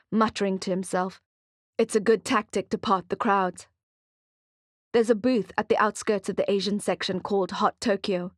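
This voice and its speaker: A woman's voice: mid-range voice, no room sound, clean studio sound. Woman narrating a thriller audiobook. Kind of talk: scripted narration.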